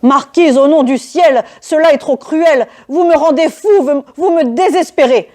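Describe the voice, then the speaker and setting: A woman's voice: sits high, measured pace, darkish tone. A woman voicing an ardent aristocratic count in a one-woman reading of a classic stage comedy, speaking gallantly and declaiming with passion. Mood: impassioned. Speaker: reader of a play.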